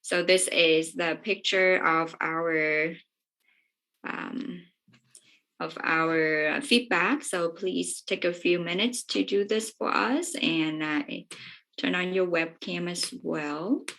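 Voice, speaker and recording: Bright, low-pitched woman hosting. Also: slow, creaky. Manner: hesitant, many fillers. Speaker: workshop host and doctor. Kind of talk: hosting an online workshop. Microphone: video call.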